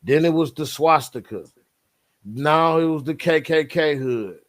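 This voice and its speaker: Guy on a podcast, kinda high voice, gets worked up and emphatic. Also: measured pace. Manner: animated, emphatic, frequent "bro" and "like". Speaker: podcast co-host. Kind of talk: casual profane chat.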